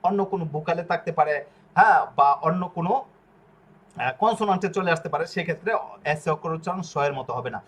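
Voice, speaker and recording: A man with a slightly high-pitched voice teaches a pronunciation lesson. He spells out letters and repeats short syllables slowly and deliberately. He speaks Bengali as his first language. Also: a bit bright.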